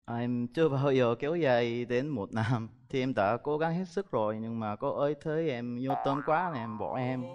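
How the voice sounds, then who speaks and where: A man's voice: medium pitch, moderate pace, hardly any pauses, darkish tone, long reverb tail, dull audio, a little hiss or hum. A man in his early thirties with a Korean accent, being interviewed on a studio stage, speaking a foreigner's broken, slightly garbled Vietnamese. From South Korea. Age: early 30s. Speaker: dating show contestant. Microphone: headset.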